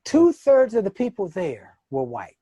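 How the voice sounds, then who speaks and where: A man's voice: high-pitched, huge pitch swings, unhurried, warm tone, breathy edge, no room sound, studio quality. A middle-aged man from Washington, D.C., telling stories in an interview with an emphatic, preacher-like cadence and heavy stresses. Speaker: motivational speaker, interview guest. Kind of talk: conversational interview storytelling.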